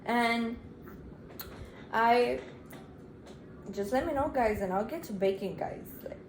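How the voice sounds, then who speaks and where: A woman's voice: fairly high pitch, takes it slowly, roomy sound, a little hiss or hum, poor audio. A nineteen-year-old woman co-hosting a casual Q&A vlog, chatty and constantly calling her viewers "guys". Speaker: vlog co-host.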